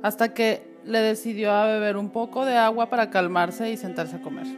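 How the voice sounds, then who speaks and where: A woman's voice: mid-range voice, moderate pace, soft background music. Woman host reading a folk tale aloud. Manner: relaxed reading with restarts and asides. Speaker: host and storyteller.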